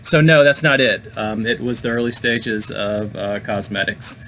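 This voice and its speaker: A man's voice: lowish voice, moderate pace, pushed and bright, slight background noise, low-quality recording. A man hosting a casual talk on the occult, meandering with many fillers and restarts. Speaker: host.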